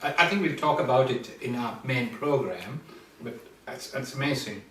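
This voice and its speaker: A man's voice: mid-range voice, animated, normal speed, fairly bright tone, slight background noise. A man from Sri Lanka hosting a talk show, eagerly asking questions and often restarting his sentences. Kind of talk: interview and food tasting.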